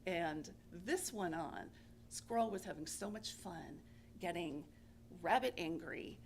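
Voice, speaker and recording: A middle-aged woman telling a parable as a church speaker, in a gentle, homely storytelling manner. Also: lowish voice, expressive, takes it slowly, gravelly, slight background noise.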